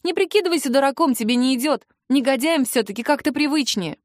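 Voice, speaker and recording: A woman's voice: high-pitched, fast talker, no echo, clean studio sound, pitched above the performer's own voice, natural voice. A woman reading an audiobook, voicing a young heroine's heated, sarcastic retorts. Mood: indignant. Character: young woman, sharp-tongued and indignant.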